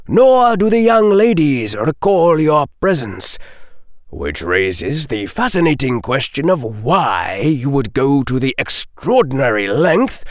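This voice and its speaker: Guy doing a snooty sarcastic professor for an audiobook, slow mocking drawl, pitch goes all over the place. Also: no room sound, clean studio sound. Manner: mocking, drawling, sharply emphatic. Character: sardonic, condescending male defense professor, theatrically articulate.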